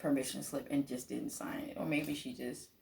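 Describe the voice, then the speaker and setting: A woman casually telling a personal childhood story to her viewers, chatty and lively, laughing often and acting out the voices of people in it. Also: very deep voice, moderate pace, gravelly, slight background noise. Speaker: vlogger.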